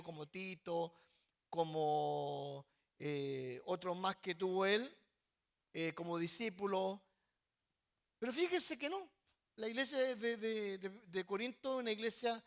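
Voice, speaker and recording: A man pastor preaching a sermon, often repeating words and pausing mid-sentence before stressing his points. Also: high-pitched, fairly bright tone. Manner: halting, repeats words while searching, then stresses points.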